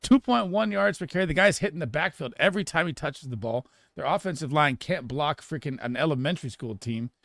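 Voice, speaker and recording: A man giving casual fantasy football start and sit analysis in an emphatic, rapid way, often restarting his sentences. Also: a little high, expressive, vocal fry, fairly bright tone, dry recording, studio quality.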